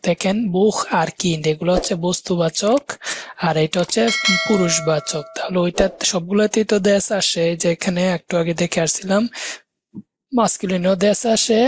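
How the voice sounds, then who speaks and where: Husky-voiced man teaching patiently. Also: high-pitched. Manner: patient, explains step by step and repeats key words; slows down to break words into syllables. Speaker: German language instructor. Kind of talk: live online grammar lesson.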